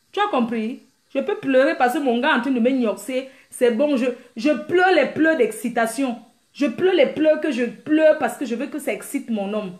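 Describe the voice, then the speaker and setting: A woman's voice: high-pitched, reverberant. A woman hosting a casual live stream, brash and teasing, answering viewers and laughing often. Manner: animated, mimics crying sounds.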